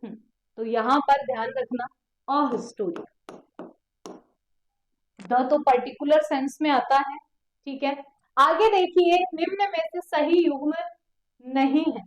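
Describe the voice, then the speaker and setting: Through a reverberant, low-quality recording, a woman's high voice comes across unhurried, with long pauses. She coaches students for an exam online, walking through each step, repeating key terms and quizzing them again and again.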